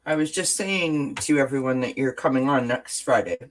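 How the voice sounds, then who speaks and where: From home, with the lights off and a sunny window behind her, a woman with a stuffed-up nose hosts a casual livestream, greeting chat viewers by name with pet names. She has a very deep voice and often pauses on filler words and restarts, heard through a low-quality recording.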